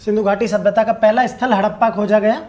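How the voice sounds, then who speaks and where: High-voiced man teaching a lecture. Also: fairly even intonation, fast, a little mellow. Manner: poses questions and answers them himself, repeats key points; addresses viewers directly, asking for answers in the comments. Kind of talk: online exam-prep lecture.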